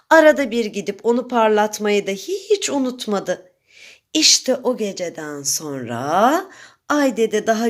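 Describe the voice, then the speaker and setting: A woman narrating a children's story in a slow, expressive storytelling manner. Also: medium pitch.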